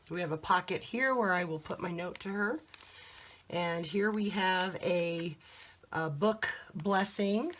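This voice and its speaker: A mature woman speaks in a slightly low, croaky voice, hoarse from throat trouble. She takes her time, very unhurried and hesitant, in the chatty style of a homemade craft vlog. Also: fairly bright tone, slight background noise. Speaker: crafter presenting a handmade journal. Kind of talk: casual show-and-tell vlog.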